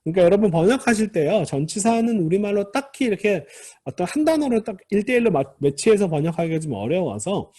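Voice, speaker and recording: A man's voice: sits high, very animated, quick pace, few pauses, mellow. A man teaching a grammar lesson in a recorded lecture, patiently explaining each term and repeating key words as he moves from point to point.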